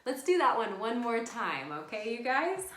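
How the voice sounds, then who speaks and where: Leading an interactive storytime for young children at the library, a woman offers encouragement and easy instructions. Her voice is high-leaning, sing-song, and fairly bright, at a moderate pace, in an echoey room.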